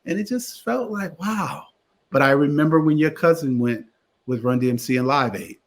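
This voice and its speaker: A man from Connecticut, a guest attorney and theater producer, telling stories in a casual interview with animated delivery. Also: fairly high pitch, normal speed. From Connecticut, USA. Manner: animated storyteller, lively voices in anecdotes.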